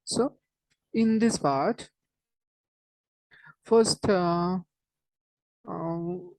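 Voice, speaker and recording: A woman with an Indian accent teaching an online lesson in a halting, repetitive way, dropping in Hindi interjections. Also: fairly low pitch, darkish tone, dry recording, low-quality recording. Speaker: chemistry teacher.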